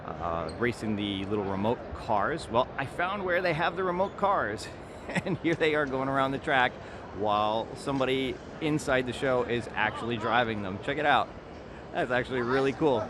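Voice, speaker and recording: A man's voice: medium pitch, expressive, moderate pace. A man narrating a casual walk-and-talk vlog in an informal, chatty way, speaking to his viewers. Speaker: vlogger. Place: out and about in busy city streets and venues. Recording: noisy urban ambience with traffic.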